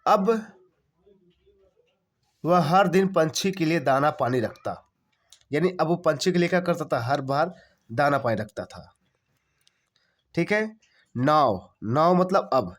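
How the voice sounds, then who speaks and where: A man's voice: a little high, animated, slow pace, pauses often. A man teaching English translation. He asks questions and answers them himself, spells words out letter by letter and repeats each phrase. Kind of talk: translation lesson.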